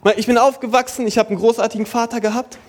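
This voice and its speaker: A young man preaching a sermon in a casual, youthful way, dropping in English slang and moving between lively bursts and soft, slow passages. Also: extremely high pitch. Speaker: pastor.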